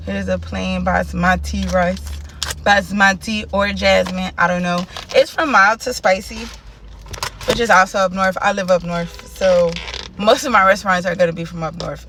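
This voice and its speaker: A woman's voice: mid-range voice, background noise. A woman food vlogger chatting casually and expressively to camera in slangy, playful speech from inside a car. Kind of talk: casual mukbang chat to camera. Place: inside a car parked on a busy city street.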